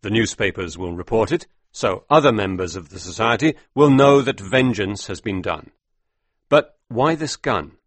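A man playing a calm, low, probing detective. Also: no echo. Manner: measured, questioning. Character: calm, probing male detective, measured and dry.

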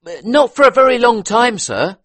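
A man's voice: very high-pitched, sing-song, moderate pace, fairly bright tone, no room sound, voice pushed up, exaggerated voice. A man voicing a polite, deferential male butler in a read-aloud detective story, answering briefly and respectfully.

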